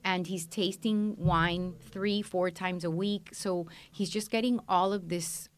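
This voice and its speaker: Guesting on a studio podcast, a middle-aged woman from Colombia, a wine shop and restaurant owner, responds in a conversational manner. She speaks slowly, in a steady voice on the low side.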